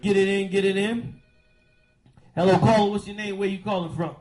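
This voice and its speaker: A man hosting a call-in radio show as a preacher, with a preachy, drawn-out emphatic delivery. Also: high-pitched, fairly even intonation, darkish tone, poor audio.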